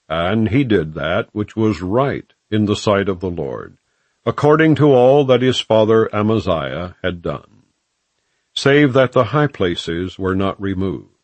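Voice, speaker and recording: A man reads scripture in a low voice for an audiobook, using measured, formal phrasing and a solemn tone. His pitch rises and falls in a lively way, and the close, dry recording carries no room echo.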